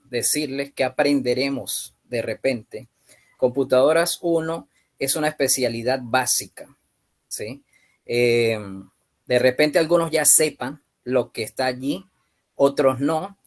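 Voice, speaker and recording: A man in his thirties from Venezuela with a Venezuelan Spanish accent, leading a youth-ministry class over a video call and speaking at a measured pace with frequent hesitant fillers. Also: mid-range voice. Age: 30s. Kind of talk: online class presentation.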